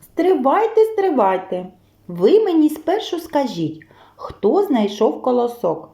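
A woman's voice: high voice, very animated, takes it slowly, creaky, mellow, voice pushed up, heavily acted. A woman doing a hardworking cartoon rooster. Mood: stern. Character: hardworking patient rooster, male, small. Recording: roomy echo.

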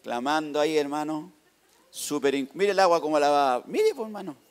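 A man with a Chilean accent giving a lively church testimony, narrating slides and often calling out to the congregation. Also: fairly high pitch, moderate pace. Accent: Chilean Spanish. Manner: lively storytelling, tags "hermano" and "¿ah?".

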